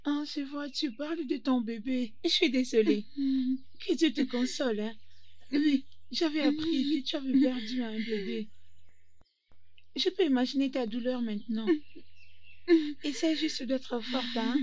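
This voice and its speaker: A woman dubbing a respectful, caring young housegirl in a French film dub, soft and comforting. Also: high-pitched, measured pace, long pauses, slight background noise.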